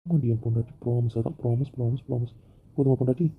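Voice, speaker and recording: A man voicing the husband in an amateur romantic audio drama, often pleading softly. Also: mid-range voice, fast, slight background noise. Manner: pleading, soft-spoken apologies. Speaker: audio drama narrator and lead voice. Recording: tinny phone-like audio.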